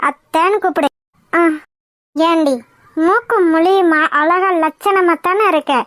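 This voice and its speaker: Cartoon mother-in-law, scornful and taunting, a woman playing her with a very high, dry voice. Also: slow, fairly bright tone, no echo, full character voice. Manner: taunting, sneering, mocking. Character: haughty scornful middle-aged mother-in-law. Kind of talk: cartoon voice acting.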